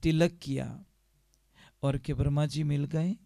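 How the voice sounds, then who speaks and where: A male preacher telling a story as a sermon, animated, often asking his listeners questions. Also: a little high, a little slow, vocal fry, dry recording, studio quality.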